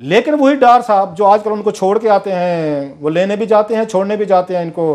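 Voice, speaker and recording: A man's voice: sits high, a little fast, darkish tone. A man, giving emphatic, story-driven commentary as a political analyst on a talk show.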